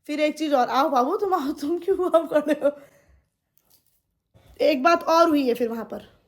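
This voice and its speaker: A young woman with a high voice talks straight to her viewers in a casual vlog. She vents with indignation and circles back over the same points. Her tone stays direct and aggrieved throughout. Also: unhurried. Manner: indignant, repeats herself, addresses viewers directly. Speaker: vlogger. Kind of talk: casual venting monologue to viewers.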